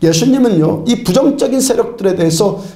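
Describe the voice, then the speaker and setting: A man preaching from the pulpit with a high, gravelly voice that rings through an echoey church sanctuary. He presses his points with firm, commanding exhortations and often laughs as he speaks. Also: expressive, a little fast, mellow. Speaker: pastor. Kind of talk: sermon.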